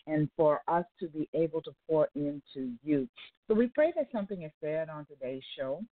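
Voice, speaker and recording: Woman, 60s, church elder talk host; lower voice, emphatic repetition, phone-line sound. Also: expressive, moderate pace. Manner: effusive, repeats phrases for emphasis.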